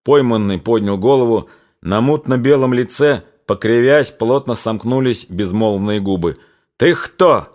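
A man narrating a literary story in a measured, expressive audiobook reading. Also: on the low side.

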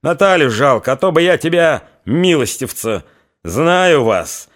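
Vengeful young Cossack, raging and threatening, voice raised high , read by the narrator. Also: male voice, sing-song, a little slow. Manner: raging, threatening, spitting insults.

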